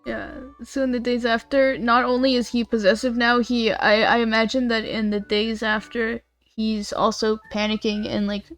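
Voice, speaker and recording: A young woman chats and laughs easily as a guest on a livestream while working on a game. Her voice is a touch high, with light music faintly underneath. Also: little pitch movement, moderate pace, hardly any pauses. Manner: laughing, upbeat. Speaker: co-writer guest. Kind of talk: casual chat on a livestream.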